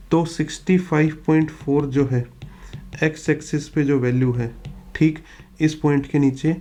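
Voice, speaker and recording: Male lecturer, mellow voice, patient question-and-answer teaching style, drops in English terms. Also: medium pitch. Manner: poses rhetorical questions and answers them, steady explanatory pace; mixes English technical phrases into the explanation. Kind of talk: exam-prep lecture over slides.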